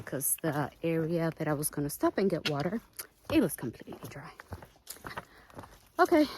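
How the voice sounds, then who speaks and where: A woman hiker chatting to her camera outdoors on a trail, thinking aloud and sometimes out of breath. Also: low voice. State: out of breath while hiking uphill. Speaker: long-distance hiker. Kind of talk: casual trail vlog. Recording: noisy outdoor recording.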